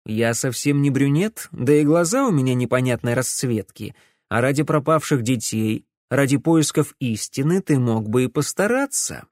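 A man's voice: medium pitch, expressive, normal speed, darkish tone, dry recording, clean studio sound, natural voice. A man voicing a persuasive young man in an audiobook, earnest and coaxing.

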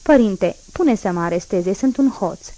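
A woman's voice: medium pitch, expressive, warm tone, dry recording, lightly acted. A woman voicing a desperate, guilt-ridden middle-aged ex-convict man who pleads and questions urgently, in a storybook reading. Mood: distraught.

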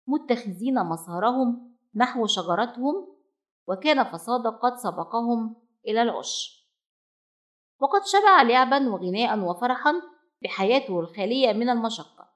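A woman narrating a children's storybook in a measured, expressive reading voice. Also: a little high.

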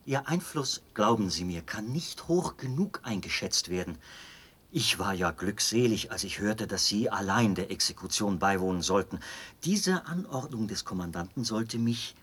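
An actor gives an animated performance as a fanatically devoted officer in a German radio drama, his husky male voice fairly low and a bit bright. At a moderate pace he urges with theatrical insistence, in an urgent, confiding mood.

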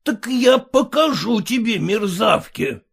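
A man's voice: high-pitched, lively intonation, slow, creaky, husky, pitched above the performer's own voice, exaggerated voice. A man doing a bellowing enraged householder. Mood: raging. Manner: shouting, raging. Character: furious middle-aged male householder, bellowing.

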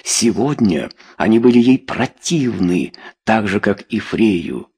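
A man reading a romance novel aloud as an audiobook, in a measured, dramatic storytelling manner. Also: lowish voice, expressive, a little mellow, slightly rough. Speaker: audiobook reader. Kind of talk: scripted narration.

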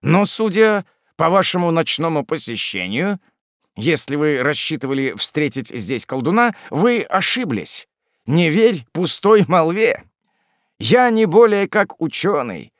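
A man's voice: big pitch swings, dry recording, clean studio sound. Man voicing a cringing old morgue keeper. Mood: fawning. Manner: high pleading whine, drawn-out and trembling. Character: frightened old male morgue keeper, fawning and pleading. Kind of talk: audiobook reading.

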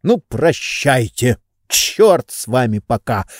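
A man voicing a loud, coarse, pushy middle-aged man who blusters and makes demands, in an audiobook reading. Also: medium pitch, big pitch swings, slow pace, dry recording, clean studio sound. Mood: brash.

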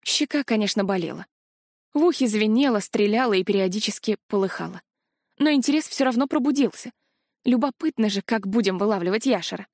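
Brief: woman audiobook narrator, first person, mid pitch, dry close recording. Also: lively intonation, a little fast, a little mellow, no echo.

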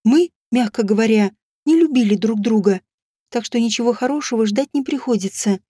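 A woman reading a first-person audiobook in a measured, steady storytelling manner. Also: on the high side, breathy edge, no echo, clean studio sound. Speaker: audiobook narrator.

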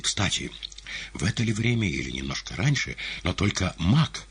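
A man narrating an audiobook in an expressive, dramatic reading with a husky voice. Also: low voice, moderate pace.

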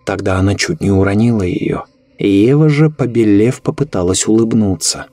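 A man narrating a horror story in a measured, ominous way. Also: on the low side, dark tone, no room sound.

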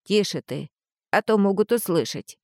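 Woman narrator doing a small male lizard guardian, haughty and hissing, slightly lowered voice, dry recording. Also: lively intonation, normal speed, no echo, natural voice. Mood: urgent. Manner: hissing, condescending.

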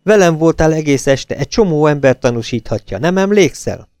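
A man voicing a quick-witted young wife, high-pitched. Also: lively intonation, clear, resonant tone, no room sound, studio quality. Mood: relieved. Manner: quiet, then eager. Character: composed young wife turned tearful.

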